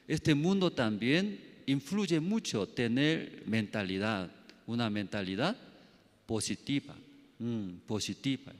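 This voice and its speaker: A man preaching a sermon as pastor, telling stories with sound effects and acted quotes, in simple, halting phrasing. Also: mid-range voice. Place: church hall. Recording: long church hall reverb.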